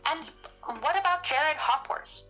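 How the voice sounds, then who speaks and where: In a low-quality recording with music behind her, a woman with a high-pitched, sharp voice speaks unhurriedly. She is a podcast panelist in character as a researcher, reasoning matter-of-factly in a semi-improvised in-character discussion of a horror audio drama.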